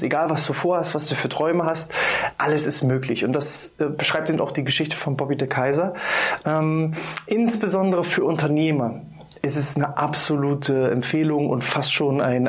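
A man hosting a podcast and speaking casually in a monologue, enthusiastic and encouraging, with frequent ums and restarts. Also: a little high. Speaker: podcast host.

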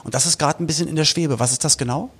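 A man's voice: on the high side, very fast, fairly bright tone, husky. A man hosting a podcast, chatting casually, agreeing and asking follow-up questions. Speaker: podcast host.

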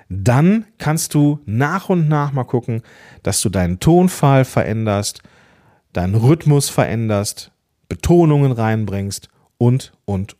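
A man hosting a solo podcast episode, giving tips in a casual, lively way, playing with emphasis and pauses. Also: mid-range voice. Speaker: podcast host.

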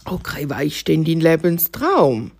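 A woman doing a slow, sly Swiss German fox. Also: sits low, big pitch swings, creaky, darkish tone, husky, exaggerated voice. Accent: St. Gallen Swiss German. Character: sly hungry male fox, low and slow.

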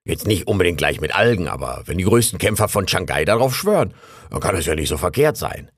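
A boastful male raccoon chatters away in a storybook reading, as a man puts him on. The voice sits low but swings widely in pitch, recorded dry and close. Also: sing-song, a little fast, breathy edge, no room sound, exaggerated voice. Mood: chatty. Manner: bragging, rambling, self-important. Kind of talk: audiobook character voice.

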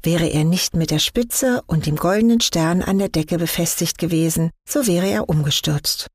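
A woman reading a fairy tale aloud in a calm, measured storytelling manner. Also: on the low side, breathy edge, no room sound, clean studio sound. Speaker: story reader.

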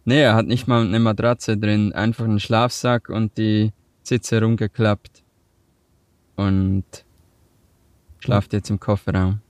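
A man with a Swiss German accent, co-hosting a casual chat over a remote call, relaxed and laughing easily. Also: lowish voice, slow, pauses often, dry recording. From Switzerland. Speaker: podcast co-host. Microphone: remote call with weak connection.

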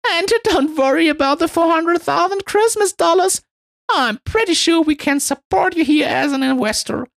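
Man putting on a shrill, gushing corporate marketing woman, high and lively, dry close sound. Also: dry recording, exaggerated voice. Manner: effusive, salesy.

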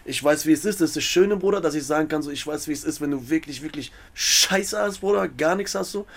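A man's voice: a little high, quick pace, gravelly, a bit bright. A young man chatting casually as a rapper guest, slangy, calling everyone "brother" and laughing often. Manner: slangy, says "Bruder" constantly, laughs often. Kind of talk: casual chat.

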